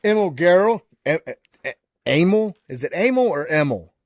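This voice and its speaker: A man's voice: high-pitched, expressive, normal speed, a little mellow, dry recording, studio quality. A man hosting a live online panel in a casual, folksy way, calling everyone buddy and often restarting his words. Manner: frequent restarts and repeated words. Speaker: host of a live panel show.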